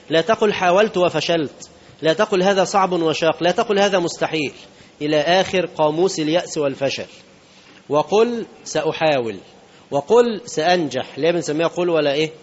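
A man's voice: a little high, lo-fi sound, a little hiss or hum. A man preaching a sermon in Egyptian Arabic, speaking conversationally and asking his listeners rhetorical questions. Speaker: sheikh.

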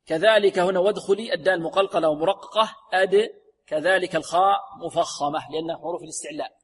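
High-voiced man teaching recitation in a hall. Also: slightly rough. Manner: slow drawn-out demonstration of sounds, repeats words; brisk explanations between examples. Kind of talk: tajweed lesson on radio. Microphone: recorded for radio.

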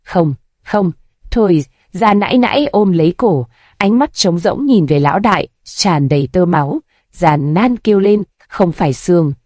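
A woman reading a scripted story in a steady, even narrating voice. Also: on the low side, normal speed, dry recording, clean studio sound.

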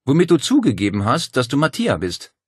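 A brisk, skeptical policewoman, as a man voices her. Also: medium pitch, huge pitch swings, husky, dry recording, clean studio sound, voice pushed up. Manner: brisk, skeptical, matter-of-fact. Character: police officer, young woman, determined and dry-witted.

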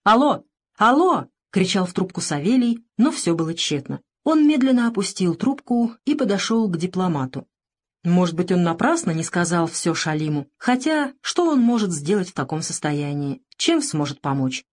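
A woman reading a crime novel aloud as audiobook narrator, expressive in her reading. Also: fairly low pitch, moderate pace.

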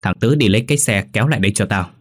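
A man's voice: on the low side, rapid-fire, natural voice. A man playing a harsh, bossy old master. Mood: barking. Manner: barking, bossy orders.

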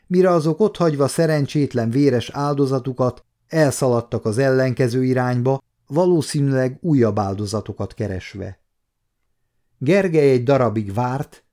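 A man in his fifties narrates an audiobook with a dark, mellow tone. His reading is calm and measured, with steady, even storytelling. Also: medium pitch. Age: 50s. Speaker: audiobook reader.

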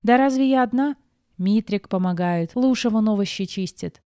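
A woman reading the lines of a cheerful, bustling middle-aged female cook in an audiobook, homely and lively. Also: mid-range voice, moderate pace, clean tone, dry recording, studio quality, voice pushed up, close to an everyday voice.

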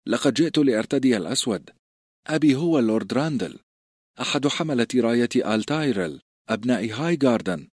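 A man's voice: medium pitch, animated, fast talker, a little mellow, slightly rough, no room sound, clean studio sound, voice pushed up. A man voicing a plump, timid teenage boy who stammers and apologizes. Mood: shy. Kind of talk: audiobook character voice.

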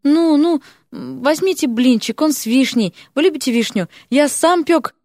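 Woman reader doing a high, flattering young male mage, storybook suitor. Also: a little slow, no echo, clean studio sound. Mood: pleading, gushing. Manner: earnest, pleading, gushing.

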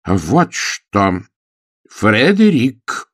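A man's voice: fairly low pitch, sing-song, slightly rough, no room sound, studio quality, pitched above the performer's own voice, exaggerated voice. A man voicing a stern old governess. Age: older. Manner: strict, drawn-out scolding commands. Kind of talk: audiobook character voice.

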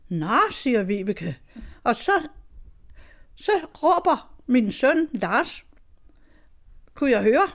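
An older woman tells her own story in a loose, chatty way. She laughs often between her words and restarts her sentences again and again. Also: fairly high pitch. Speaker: guest telling her story. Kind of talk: casual storytelling.

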